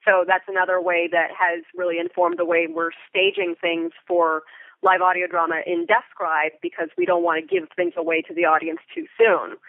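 Heard over a narrow, phone-like connection, this middle-aged American theater Foley artist talks at length as an interview guest, articulate and rich with vivid examples. Her fairly low voice is creaky, and there's no echo.

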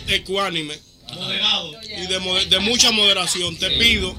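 A man's voice: high-pitched, measured pace, music in the background. A man co-hosting a comic radio show, giving mock-solemn advice. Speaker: radio co-host.

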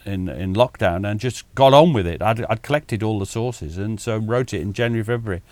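A middle-aged military historian joins a video call as a guest, animated and self-deprecating, often chuckling and restarting sentences. His pitch is fairly low, he talks a little fast, and there's no echo.

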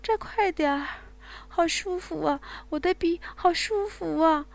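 A woman's voice: very high-pitched, unhurried, gravelly, pitched above the performer's own voice, full character voice. A woman doing a breathless, pleading young lover.

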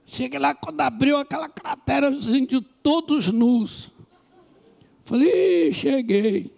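A man with a Brazilian Portuguese accent, a pastor telling a story in a sermon with animated comic asides. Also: very high-pitched, measured pace, gravelly.

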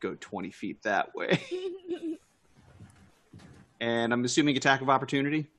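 A man's voice: medium pitch, huge pitch swings, moderate pace, fairly bright tone. A man playing a tabletop game, joking, swearing and laughing a lot as he talks. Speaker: player. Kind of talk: casual game chat.

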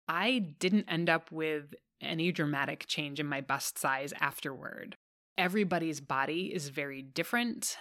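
A woman's voice: low-pitched, fairly bright tone, no echo, clean studio sound. A woman co-hosting a casual podcast, answering a listener's letter in a reassuring, conversational way with frequent "like"s. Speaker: podcast co-host.

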